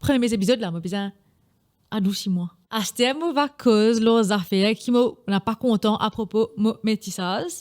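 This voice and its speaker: A woman's voice: medium pitch, moderate pace, darkish tone. A young woman with a Mauritian Creole accent hosting a casual solo podcast, chatty and often slipping in English phrases. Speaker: podcast host.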